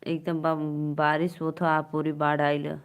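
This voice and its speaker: Young Awadhi woman, low-ish voice, unhurried teasing chat with stream viewers, laughs easily. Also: monotone, smooth. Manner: chatty, teasing, laughs often, reads out comments. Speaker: live-stream folk singer host.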